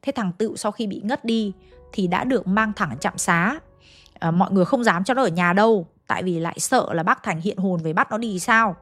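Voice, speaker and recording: A woman's voice: medium pitch, moderate pace, faint music behind. Chatty woman telling ghost stories. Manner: chatty, addresses listeners directly. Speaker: storyteller. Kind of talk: ghost story narration.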